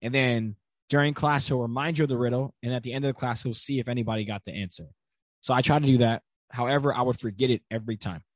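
A man's voice: mid-range voice, fast, no room sound, studio quality. A young man talking as a podcast guest in casual conversation, earnest and storytelling, with many filler words.

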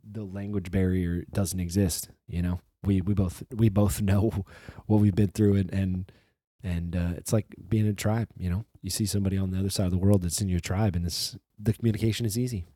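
A podcast host with a low, mellow, steady voice rambles through a casual solo intro, restarting sentences, swearing freely and talking a little fast. A recent flu has left him slightly hoarse, and the close, dry recording has no room sound.

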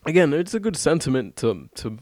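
A man's voice: on the high side, very animated, fairly quick, darkish tone, no room sound, studio quality. A young man chatting casually on a podcast, rambling and swearing often, with frequent laughs. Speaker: podcast co-host. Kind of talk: casual chat.

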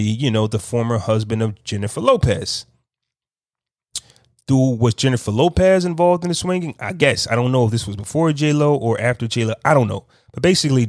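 A man hosting a podcast, giving casual unscripted commentary, talking slowly and thinking aloud with frequent restarts. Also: medium pitch, no echo, clean studio sound. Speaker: podcast host.

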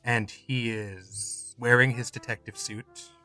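A man acting as game master, improvising horror game narration in a halting way, often repeating words. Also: medium pitch, fairly even intonation, bright, forceful tone, no room sound, faint music behind.

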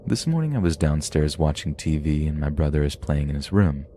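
Very deep-voiced man reading stories. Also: expressive, a little fast, warm tone, a little hiss or hum. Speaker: podcast host. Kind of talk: reading paranormal stories aloud.

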